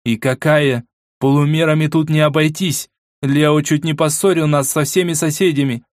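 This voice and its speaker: A man's voice: fairly high pitch, steady tone, moderate pace, dry recording, studio quality, voice pushed up, close to an everyday voice. A man voicing a cold, iron-willed middle-aged queen who speaks sternly and with command. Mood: icy resolve.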